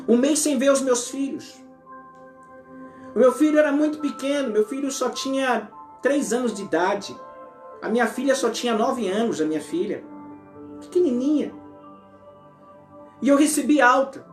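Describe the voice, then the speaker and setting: A man preaching an emotional testimony as an apostle, his voice often sinking to a hush. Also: very high voice. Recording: echoey church hall with music.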